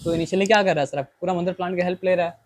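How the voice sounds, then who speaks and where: A man's voice: high voice, fairly even intonation, dry recording, low-quality recording. Man teaching biology with rhetorical questions. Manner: explains in Hindi mixed with English, reads English lines slowly; keeps asking rhetorical questions. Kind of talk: bilingual biology lesson.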